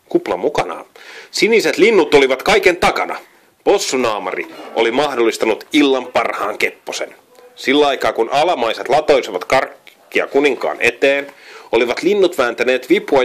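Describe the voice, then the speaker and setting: A man reading a children's storybook aloud, often stumbling and correcting himself. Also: medium pitch. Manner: frequent slips and self-corrections while reading. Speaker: reader.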